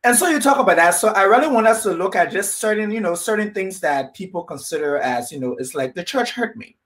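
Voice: medium pitch, expressive, fast talker, a bit bright. Casual podcast host; loose, searching questions. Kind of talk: casual interview chat.

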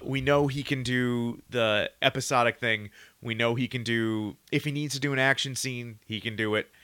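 Man, podcast co-host, bright tone, dry close sound, enthusiastic casual chat. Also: mid-range voice, steady tone, moderate pace, smooth, dry recording.

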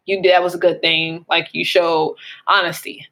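A woman's voice: on the low side, level tone, moderate pace, a bit bright. A woman co-hosting a casual parenting podcast, talking earnestly with many fillers. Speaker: co-host.

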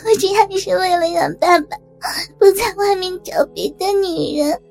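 A woman voicing a tearful teenage daughter who pleads in a high, sobbing, halting voice. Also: fairly even intonation, dark tone, soft background music. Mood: tearful pleading.

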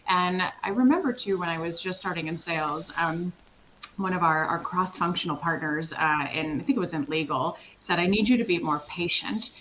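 A middle-aged woman from Switzerland, a consultancy founder answering interview questions in an energetic, emphatic way and laughing easily. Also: on the low side, moderate pace, a little hiss or hum, poor audio. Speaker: sales consultancy founder, guest.

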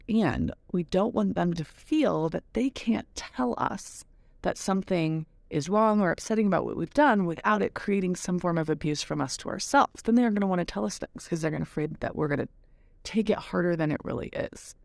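A woman's voice: fairly low pitch, creaky, a little mellow, no room sound. A woman hosting a parenting podcast, telling a personal story in a candid, reflective, casual way.

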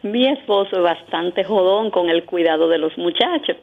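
A woman's voice: fairly low pitch, moderate pace, a crowd in the background. Woman sharing an anecdote, dull sound. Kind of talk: casual anecdote.

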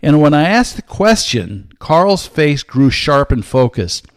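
An older American man hosting a program, teaching in an earnest, measured way with frequent pauses. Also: a little high, sing-song, smooth, dry recording, studio quality. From United States. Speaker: host, Bible teacher. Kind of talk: teaching monologue with personal story.

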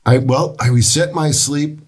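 A man, an author being interviewed as a guest, telling his story in a reflective, measured way. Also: a little high, husky. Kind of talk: casual interview.

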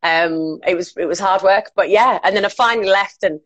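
A woman's voice: mid-range voice, fairly quick, a bit bright, no room sound. A woman in her late twenties with a Northern English accent, a radio presenter chatting informally as a guest and telling anecdotes. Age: late 20s. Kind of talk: casual chat, telling anecdotes.

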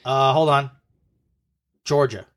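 A man's voice: mid-range voice, slow, a bit bright. A man with a New England accent, co-hosting a podcast and trading sarcastic, profane jokes while answering quiz questions. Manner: sarcastic, profane, self-mocking. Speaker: podcast co-host, quiz contestant. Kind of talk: casual podcast chat.

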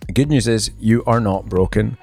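A man hosting a podcast, reading a sponsor message in a steady, measured way. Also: fairly low pitch, vocal fry. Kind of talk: scripted ad read. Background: faint music.

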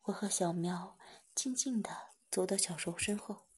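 A woman narrating a story in a soft, hushed whisper. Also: medium pitch, a little slow, slightly rough.

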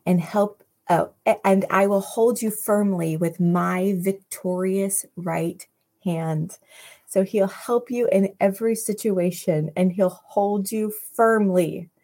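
A woman giving a devotional Bible teaching, reading verses slowly and reflecting on them with soft exclamations. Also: on the low side. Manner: slow, reflective, pausing to exclaim over verses.

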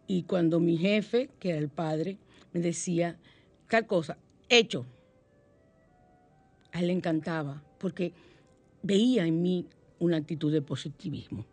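A middle-aged woman hosting a motivational radio talk, telling stories warmly and acting out the voices she quotes. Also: fairly low pitch, moderate pace, faint music behind. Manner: warm, animated storytelling with acted-out quotes. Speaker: radio show host.

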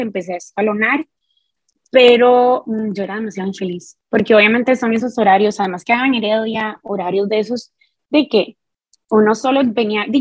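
A woman in her thirties with a Costa Rican accent, telling her own story as an interview guest in an emphatic, lively way and acting out what people said to her. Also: mid-range voice, no room sound. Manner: emphatic, animated, acts out quoted dialogue. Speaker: guest, barre studio owner. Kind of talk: candid personal storytelling.

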